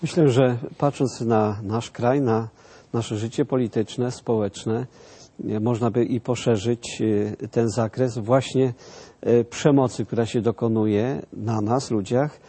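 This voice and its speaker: A man's voice: mid-range voice, fairly even intonation, takes it slowly, warm tone, husky. A man in a discussion, speaking hesitantly with many fillers.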